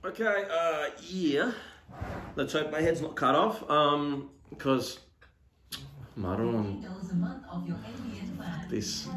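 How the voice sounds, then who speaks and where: A man's voice: fairly high pitch, drawn-out words, pauses often, a crowd in the background. Rambling man in a roomy space. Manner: rambling, many ums, casual swearing. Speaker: mukbang vlogger. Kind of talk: casual eating vlog. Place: room at home. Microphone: phone. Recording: roomy with faint noise.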